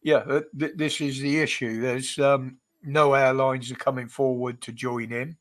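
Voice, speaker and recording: A stuffy-nosed British host runs a laid-back livestream chat, speaking a little slowly in a steady, medium-pitched, somewhat bright voice. Talkative and warm, he welcomes viewers by name and chuckles often.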